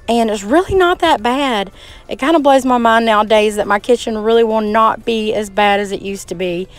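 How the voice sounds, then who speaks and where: A woman's voice: on the high side, low-quality recording. A young woman with a Southern US accent, chatting casually and folksily to viewers while she cleans her small kitchen. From Georgia, US. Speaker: cleaning vlogger. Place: small kitchen and living room of a trailer home.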